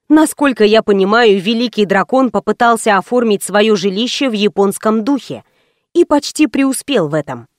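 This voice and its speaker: Woman narrating an ironic story, high voice. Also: no echo, clean studio sound. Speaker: audiobook narrator. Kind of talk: first-person audiobook narration.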